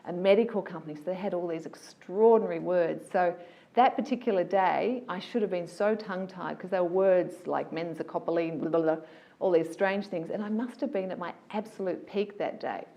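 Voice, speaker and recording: A woman, a voiceover artist telling stories about her career in a casual, animated, enthusiastic interview. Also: on the low side, fairly quick, creaky.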